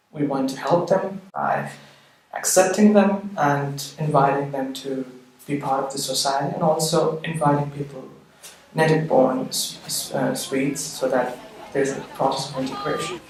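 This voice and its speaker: A man explains the organisers' aims in a hesitant interview, his voice at ordinary pitch. He is heard from some distance in a strongly echoing room. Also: normal speed. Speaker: festival organiser. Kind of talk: interview commentary. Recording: very echoey room, mic far off.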